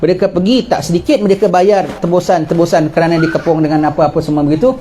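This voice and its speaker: A middle-aged man giving a religious lecture, telling history in a lively way and asking and answering his own questions. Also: a little high, fast talker, a little hiss or hum.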